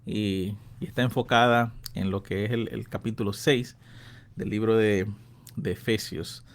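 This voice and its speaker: A man's voice: lowish voice, fairly even intonation, a little slow. Chatty man in his thirties hosting. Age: 30s. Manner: friendly, chatty, laughs often. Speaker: radio host and pastor. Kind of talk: casual radio Bible-lesson talk.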